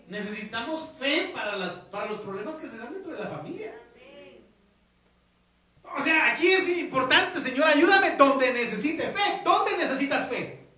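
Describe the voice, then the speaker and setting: Fervent pastor, bright echoey voice. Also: male voice, very high voice, recorded from a distance. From Guatemala. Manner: fervent preaching that swings from soft asides to loud exclamations. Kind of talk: evangelical sermon. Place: church hall. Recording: echoey church hall.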